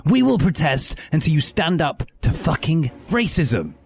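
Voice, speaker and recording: A man voicing a furious, ranting teenage boy wizard who yells and swears through every line. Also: a little high, sing-song, a little slow, vocal fry, husky, dry recording, voice pushed up, full character voice. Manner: yelling, screeching and swearing.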